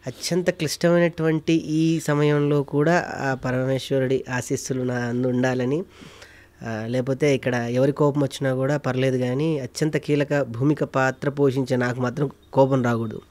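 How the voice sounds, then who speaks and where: A man's voice: mid-range voice, little pitch movement, normal speed, darkish tone. A man, a comedian and producer, talking as a guest in a casual interview, with a theatrical, declamatory delivery.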